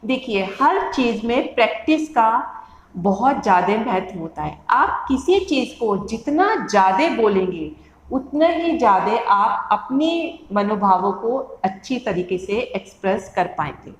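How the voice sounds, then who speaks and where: A woman's voice: mid-range voice, expressive, measured pace, a little hiss or hum. A woman teacher educator giving a lecture, explaining with everyday classroom examples and repeating key terms in two languages. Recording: echoey room.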